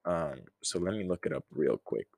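A man's voice: very deep voice, animated, normal speed, creaky, darkish tone, no echo, clean studio sound. A young man in his early twenties hosting a casual solo podcast, rambling and chatty, with frequent sighs and laughs. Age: early 20s. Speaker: podcast host.

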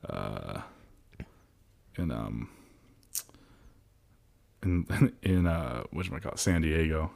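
A man's voice: a bass voice, big pitch swings, takes it slowly, gravelly, pauses often, darkish tone. A young American man co-hosting a podcast in casual, slangy, profane chat. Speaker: podcast co-host.

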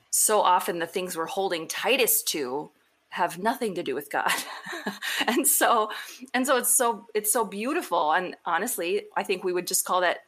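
A woman pastor talks on a podcast in a lowish voice. She is animated and laughs easily, dropping quick asides as she goes. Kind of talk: casual podcast conversation.

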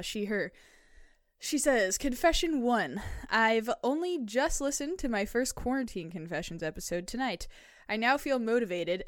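A woman's voice: fairly high pitch, dry recording. Laughing woman podcast host, dry close mic. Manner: laughs often, animated reading, filler likes. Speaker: podcast co-host reading listener stories. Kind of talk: casual podcast chat.

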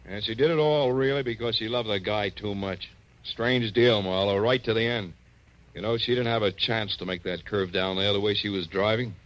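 An actor playing a brisk, plain-spoken American police lieutenant, gruff but friendly, in 1940s radio drama style. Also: male voice, on the low side, close to an everyday voice. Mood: musing. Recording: dull vintage radio recording.

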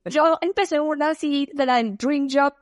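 A woman's voice: sits high, normal speed, no echo, studio quality. A woman hosting a podcast, chatty and empathetic in casual conversation. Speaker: podcast host.

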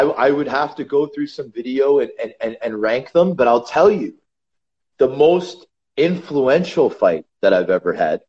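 Man telling hockey stories, lo-fi sound. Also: mid-range voice. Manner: animated, calls the host brother. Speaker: podcast guest, ice hockey enforcer. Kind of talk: casual interview storytelling. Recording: slightly dull lo-fi sound.

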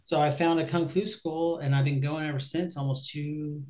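A man's voice: a little high, flat delivery, moderate pace, darkish tone. A man in his forties, a musician guest, chatting casually in an interview, easygoing and rambling with many ums. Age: 40s.

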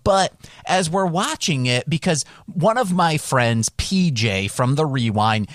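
A man chats on a podcast in an easygoing, animated way, cracking jokes as he tells stories. His voice sits in a middling register. The sound is dry and close, with no room around it. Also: mid-range voice, no echo. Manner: animated, jokey storytelling. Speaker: podcast co-host. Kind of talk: casual podcast chat.

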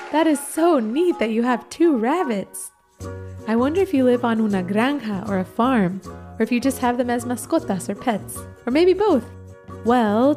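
A woman from Ecuador co-hosting a children's Spanish lesson, upbeat and encouraging. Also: on the high side. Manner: warm, upbeat, encouraging, slow teacher-like delivery. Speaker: co-host and Spanish teacher.

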